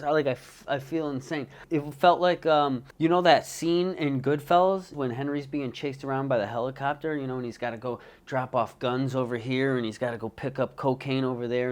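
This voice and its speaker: A man hosting a low-budget comedy show from his bedroom, talking in a rapid, self-deprecating, rambling way. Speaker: host. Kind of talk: comedic show host monologue.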